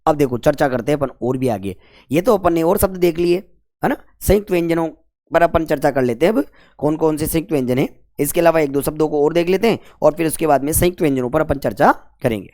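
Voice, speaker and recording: A man's voice: a little high, fast, darkish tone. A man teaching grammar, repeatedly asking and answering his own questions in a colloquial way. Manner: repetitive call-and-response questioning, colloquial 'apan'. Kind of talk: whiteboard grammar lesson.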